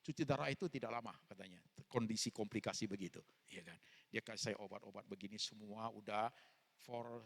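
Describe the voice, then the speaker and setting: Man, pastor, Indonesian accent, lively sermon storytelling, bursts of loud high exclamations, church auditorium. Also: brisk, creaky, in a large hall. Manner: animated storytelling, mixing in English and slang, sudden loud high bursts.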